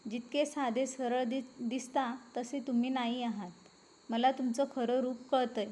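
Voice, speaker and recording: A bitter young wife with a scornful, reproachful voice, as a woman reader plays her. Her tone stays sharp and resentful. The voice is slightly high. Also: fairly even intonation, measured pace, close to an everyday voice.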